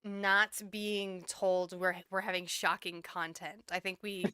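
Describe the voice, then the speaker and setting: Chatty woman host for a casual recap, bright and dry. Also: medium pitch, little pitch movement, takes it slowly, clean tone, dry recording. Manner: chatty, laughs often. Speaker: podcast host.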